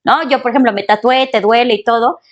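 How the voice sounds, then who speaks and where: A woman with a Mexican Spanish accent, a spiritual therapist speaking as a guest in an expressive, emphatic podcast interview. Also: a little high, quick pace, muffled recording. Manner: expressive and emphatic, with exclamations and repetitions.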